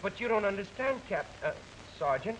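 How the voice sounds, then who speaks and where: An actor playing a flustered, mild-mannered young husband in 1940s screwball comedy banter, stammering and fussily polite, on an old film soundtrack. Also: male voice, sits high, animated, normal speed, fairly bright tone, a little hiss or hum, low-quality recording. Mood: flustered, pleading.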